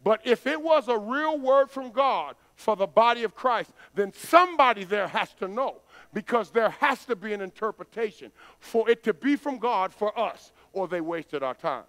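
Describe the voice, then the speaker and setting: A middle-aged man preaching in a church, chatty and plain, then building to loud, emphatic outbursts. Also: high voice, animated, moderate pace, few pauses. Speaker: pastor. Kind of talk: sermon. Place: church sanctuary stage.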